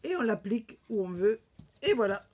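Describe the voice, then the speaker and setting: A woman's voice: fairly high pitch, sing-song, normal speed, a little mellow, a little hiss or hum. A woman with a regional French accent demonstrating a sticker machine in a casual, hesitant way, full of fillers and restarts. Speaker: crafting demonstrator.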